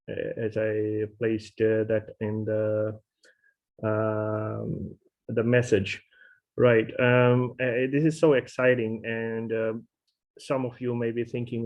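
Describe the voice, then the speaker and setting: A middle-aged man from Fiji, a university lecturer, opening an online programming class with many fillers and restarts. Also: on the low side. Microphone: video call. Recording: dull lo-fi video call audio.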